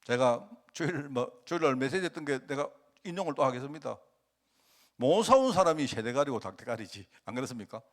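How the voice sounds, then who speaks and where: A man's voice: mid-range voice, lively intonation, fairly quick. A male pastor preaching a conversational sermon in a church, often asking the congregation rhetorical questions.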